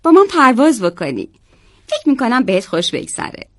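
A woman voicing a kind, thoughtful bird that gently offers help. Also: on the high side, huge pitch swings, no room sound, clean studio sound, heavily acted.

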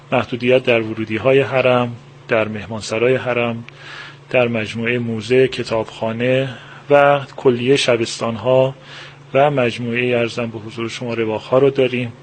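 A man with an Iranian accent gives an official statement to a reporter in unscripted, colloquial phrasing. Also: medium pitch. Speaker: shrine official. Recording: faint background noise.

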